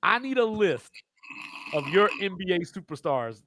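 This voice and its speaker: Higher-voiced man leading a sports debate. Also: very animated, a little slow, a bit bright, a little hiss or hum. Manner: questioning, repeats openings to get the floor. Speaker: sports talk show host.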